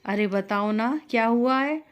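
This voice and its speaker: A woman's voice: on the high side, measured pace, lightly acted. A woman voicing a concerned young husband. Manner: concerned, earnest.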